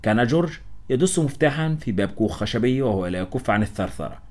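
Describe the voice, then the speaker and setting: A male audiobook narrator telling a first-person adventure story. He reads briskly at a middling pitch. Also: lively intonation, a little mellow. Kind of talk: scripted narration.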